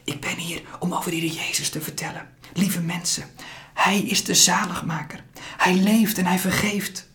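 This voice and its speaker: Een voorlezer doet een moeder die haastig en zacht fluistert, vol overtuiging. Ze klinkt warm en dringend, haar stem gedempt. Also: medium pitch, a little slow, pitched above the performer's own voice, natural voice. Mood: fervent. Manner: whispered, soft, urgent. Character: gentle, devout mother, whispering fervently.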